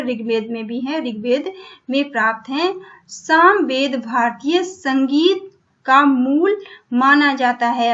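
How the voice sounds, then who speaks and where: A woman's voice: high voice, fairly bright tone. A woman teaching an exam-prep lecture, repeating each point, asking and then answering her own questions. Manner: repetitive, checks in with "ठीक है", asks and answers her own questions. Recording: dull lo-fi recording.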